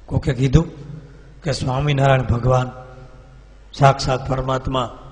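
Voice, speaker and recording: A male preacher, telling a devotional story with vivid, animated delivery. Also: medium pitch, normal speed. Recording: reverberant hall.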